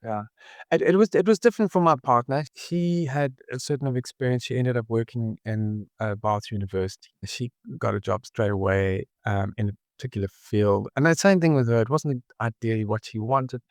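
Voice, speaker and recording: Speaking a little fast in a mid-range voice, a South African podcast guest talks reflectively and frequently hunts for the right words. It's a conversational interview, and he has a South African accent. The audio is studio quality with no room sound.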